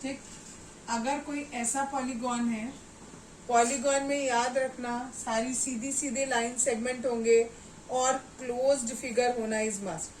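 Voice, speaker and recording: A woman teaches a maths lesson at a board, slow and patient, explaining step by step and often asking "ठीक है" to check understanding. Her fairly high voice is steady in tone. She's a bit far from the mic, with a roomy echo and a faint hum behind.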